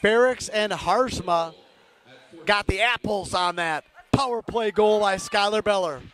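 His voice sits high and a bit bright, delivered at a measured pace. He's an amateur play-by-play caller in the stands of an indoor ice rink, firing off clipped phrases with player names and unabashedly supporting the home team.

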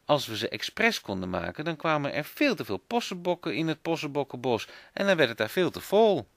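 A man's voice: on the high side, big pitch swings, brisk, gravelly, no room sound, voice pushed up, full character voice. A man voicing a curious, chatty little girl in a storybook reading. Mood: knowing. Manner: bright, wondering.

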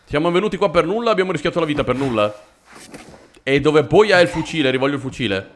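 A man giving excitable, joking commentary while playing a horror video game. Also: on the high side, quick pace, a little hiss or hum. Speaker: gaming video host. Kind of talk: let's play commentary. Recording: voice over loud game music.

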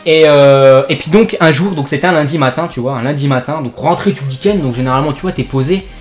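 Fast, rambling young man telling a joke story. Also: fairly high pitch, soft background music. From France. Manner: rambling, jokey slang with many fillers. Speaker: gaming YouTuber. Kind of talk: joking story over gameplay commentary.

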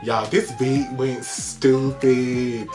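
Male drag queen, American accent, sassy and effusive, unhurried pace, medium pitch, music playing behind. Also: flat delivery. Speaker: drag queen reaction video host. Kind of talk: casual music video reaction.

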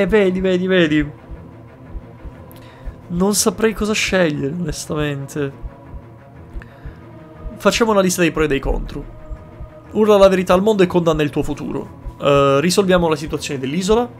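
A man commentating his game playthrough, exclaiming and swearing freely and weighing choices out loud. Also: fairly high pitch. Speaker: gaming streamer. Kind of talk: excited let's-play commentary.

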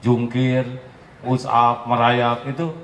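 A man preaching, answering a question in a gentle, storytelling way. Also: flat delivery, slow pace. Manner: gentle, storytelling, acts out mothers in a shrill voice. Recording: echoey hall with faint noise.

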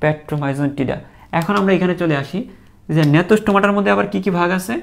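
A man teaching a biology class, patiently quizzing students and repeating terms slowly so they can echo them. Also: high voice, creaky. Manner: patient, encouraging. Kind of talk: classroom lecture.

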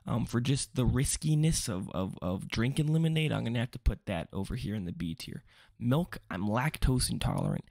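A young man with a gravelly, frayed edge to his voice rambles through a casual video, cutting himself off and tossing in jokey asides. The sound is close and dry, with almost no room around him. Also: medium pitch, expressive, a little fast, darkish tone, dry recording. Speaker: vlogger.

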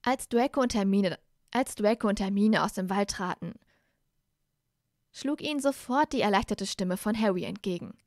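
A woman's voice: mid-range voice, moderate pace, darkish tone, no echo, studio quality. A woman reading fan fiction aloud live, often restarting and correcting herself mid-sentence. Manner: frequent restarts and self-corrections. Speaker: audiobook reader.

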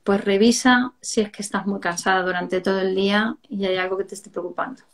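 A woman, a positive discipline educator, chatting on a live stream and telling parenting stories in a lively, explanatory way. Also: mid-range voice, a little fast. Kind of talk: casual chat on a live stream.

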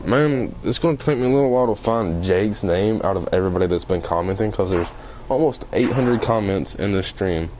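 Casting: male game streamer, low voice, teasing and bossy, muffled lo-fi mic with faint hiss. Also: lively intonation, brisk. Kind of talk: casual gaming chat.

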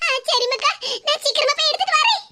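A voice actor doing a squeaky, fretful cartoon aunt. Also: animated, fast, full character voice. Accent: Kanyakumari Tamil. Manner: fretful, pleading. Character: worried middle-aged aunt, fretful and motherly. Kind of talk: cartoon voice acting. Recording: loud background noise.

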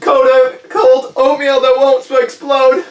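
A man's voice: animated, a little fast, close to an everyday voice. A man doing a twangy balloon-blower in a panic. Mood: panicked. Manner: drawling put-on accent turning to frantic high-pitched pleading. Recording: echoey room, mic at a distance.

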